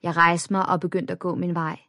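A woman narrating a first-person children's story in a plain, even storytelling manner. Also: on the low side, no room sound, clean studio sound. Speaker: audiobook narrator.

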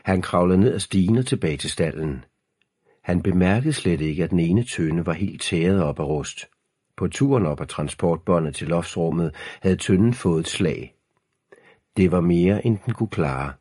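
Deep husky guy reading an audiobook, slow and ominous, dry close sound. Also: lively intonation, mellow, no room sound. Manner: measured, ominous storytelling. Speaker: narrator. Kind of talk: scripted audiobook narration.

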